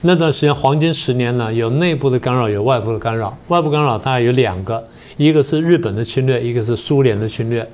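An older man, a political science professor and guest on a talk show, explaining history in a slow, methodical way. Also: medium pitch, darkish tone. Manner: methodical, explains step by step with many pauses.

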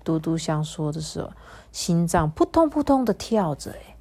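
A mother reading a storybook aloud to her child, animated and coaxing, pausing to ask questions. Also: low-pitched.

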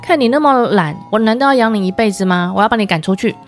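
A woman's voice: medium pitch, fast talker, soft background music, close to an everyday voice. A woman storyteller voicing a kind but stern male farmer in a children's tale. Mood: scolding.

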